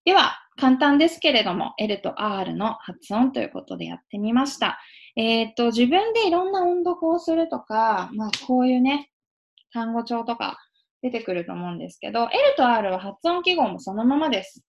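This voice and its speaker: A woman giving a casual spoken lesson on English pronunciation, patiently demonstrating sounds with drawn-out vowels. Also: a little high, animated, vocal fry. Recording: lo-fi dull sound.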